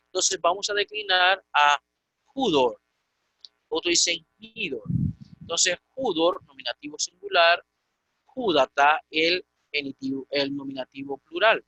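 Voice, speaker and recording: A man teaching a Greek grammar lecture, patiently repeating and slowly spelling out word forms. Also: a little high, big pitch swings, vocal fry, pushed and bright, dry recording, highs cut off.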